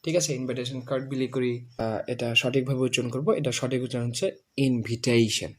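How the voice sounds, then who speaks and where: A man teaching English pronunciation, saying each word slowly and over and over for a student to copy. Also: mid-range voice, fairly even intonation. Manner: repeats words slowly, drilling the student. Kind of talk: pronunciation lesson.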